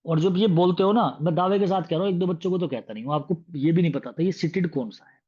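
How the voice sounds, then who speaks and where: A male teacher, voice sitting a little high, runs an exam-prep grammar lesson. He explains in quick Hindi, then slows down and leans hard on each English example sentence. The recording sounds muffled and lo-fi. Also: darkish tone, breathy edge.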